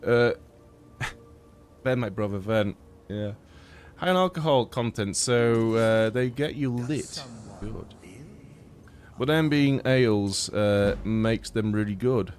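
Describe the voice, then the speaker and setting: A man's voice: fairly low pitch, takes it slowly, pauses often, darkish tone, a little hiss or hum. A young man from Poland, streaming a game and chatting casually, rambling with lots of fillers and swearing, a little stuffy-nosed. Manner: rambling, swears a lot, many fillers and restarts. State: blocked nose. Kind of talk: casual live-stream chat while gaming.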